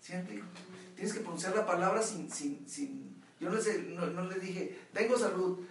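A Mexican man mentoring a group, speaking in an emphatic, instructive way and often checking he is understood. His voice sits a little high for a man. He is heard from a distance in an echoey room with faint background noise. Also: normal speed, vocal fry. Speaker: mentor leading a group session. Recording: echoey room, far from the mic.

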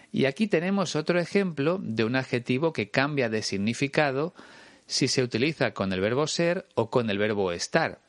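A male teacher with a Spain Spanish accent works through a lesson, patient and clear as he talks straight to the listener. His voice sits at an ordinary middle pitch. The sound is dry and close, with no room around it. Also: no room sound. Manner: patient, clear and explanatory, addressing the listener directly. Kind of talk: explanatory language lesson.

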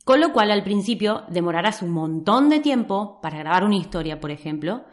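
A woman's voice: mid-range voice, lively intonation, fairly quick. A woman giving friendly advice straight to her viewers, speaking in an encouraging, reassuring way about getting comfortable on camera. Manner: encouraging, addresses the viewer directly. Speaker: social media coach. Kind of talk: advice vlog talking to camera.

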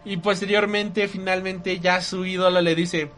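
A man's voice: sits high, a little slow, soft background music. A man, talking casually and emotionally about an anime with many fillers. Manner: animated, emotional, filler-heavy. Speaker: anime reviewer co-host. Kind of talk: casual chat.

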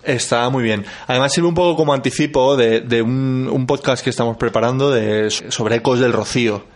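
A man's voice: medium pitch, moderate pace. Man from Spain, podcast co-host, casual comedic chat, sarcastic. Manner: jokey, sarcastic.

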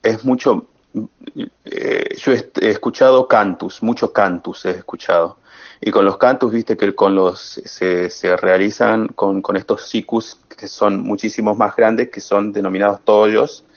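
A man, a guest musician answering interview questions slowly and hesitantly, with many fillers. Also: fairly low pitch, fairly even intonation. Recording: muffled lo-fi audio.

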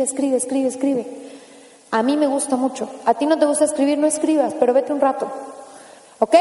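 A woman with a Mexican accent giving a motivational talk to an audience, expressive and full of rhetorical questions and playful asides. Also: high-pitched. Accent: Mexican Spanish. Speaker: motivational speaker. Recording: echoey hall, long reverb.

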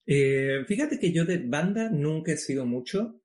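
A man's voice: fairly high pitch, unhurried. Mexican man, 30s, guest; easygoing, blunt, casual swearing. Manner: relaxed, frank, swears casually. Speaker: guest entrepreneur. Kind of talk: casual interview.

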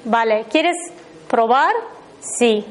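A woman's voice: a little high, animated, extremely slow. A woman leading an abundance workshop, talking informally to a small live group, telling anecdotes and checking in with her listeners often. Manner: chatty, tells anecdotes, keeps asking the listeners "¿vale?".

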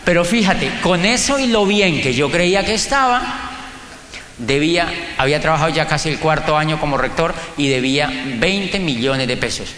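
Speaking at a normal speed in a fairly high, fairly bright voice with lively intonation, this middle-aged Colombian man works a live crowd in a big room. A business coach and motivational speaker, he is emphatic, shares stories from his own life, poses rhetorical questions and performs little dialogues. Faint background noise and hall echo are audible.

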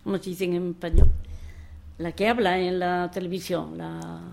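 Older woman, gravelly low voice, halting and emotional, repeats words, interview guest. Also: little pitch movement, darkish tone, slight background noise. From Spain. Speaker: interview guest, memoir author. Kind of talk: conversational interview.

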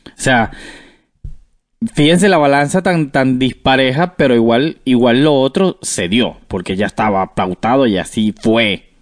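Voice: mid-range voice, unhurried. A podcast host speaking bluntly in casual chat, saying what they think. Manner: blunt, outspoken.

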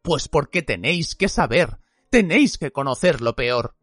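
Guy doing a gruff watchful old wizard prof, swings up and down a lot, dry close sound. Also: on the high side, sing-song, normal speed, fairly bright tone, dry recording. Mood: stern lecturing. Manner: growling, emphatic lecturing. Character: grizzled gruff old male wizard teacher, stern and watchful. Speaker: voice actor in an audiobook.

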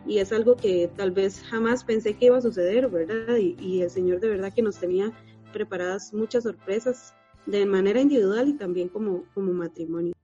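Woman, emotional testimony, dark mellow voice, soft music, dull sound. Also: mid-range voice, a little fast.

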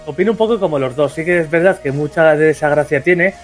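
A man's voice: on the high side, fast, faint music behind. A man in casual chat, a little hesitant and seeking the middle ground.

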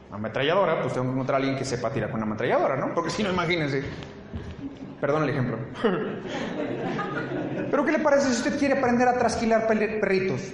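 Higher-voiced man preaching in an echoey church. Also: a little hiss or hum. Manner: conversational preaching, asks the congregation questions, joking asides. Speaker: pastor. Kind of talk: sermon.

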